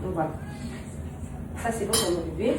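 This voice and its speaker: A woman's voice: on the low side, moderate pace, far from the mic. A woman chatting casually to her camera at home, confiding in her viewers and speaking tenderly to her children. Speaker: vlogger. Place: home kitchen. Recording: roomy and off-mic with home background noise.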